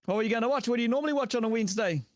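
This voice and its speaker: A man's voice: extremely high pitch, racing, no echo. A man with a broad New Zealand accent hosting a live chat show in a matey, effusive, slangy way. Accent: broad New Zealand (Kiwi). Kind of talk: casual chat interview.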